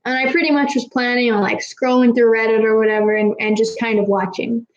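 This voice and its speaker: A slightly tipsy young Kazakh woman rambles to her chat during a casual live Q&A stream, swearing often. Her voice is on the high side, level and fairly quick, she has trouble pronouncing R's, and the recording is muffled.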